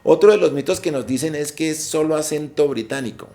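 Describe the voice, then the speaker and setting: A man's voice: on the high side, brisk, mellow. A young adult man giving an informative online session about an exam, emphatic and repeating his key points. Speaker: IELTS presenter.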